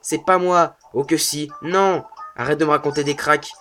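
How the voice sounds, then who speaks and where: A man's voice: fairly high pitch, steady tone, moderate pace, pushed and bright. A man voicing a scolding old grandfather in a game during a let's play.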